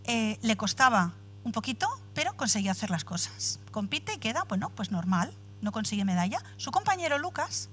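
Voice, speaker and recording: A woman's voice: fairly high pitch, fairly quick, slight background noise. A woman in her forties giving a motivational talk, addressing the audience directly and telling a personal story with acted-out dialogue. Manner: animated storytelling, acts out dialogue. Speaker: speaker at a women's empowerment event.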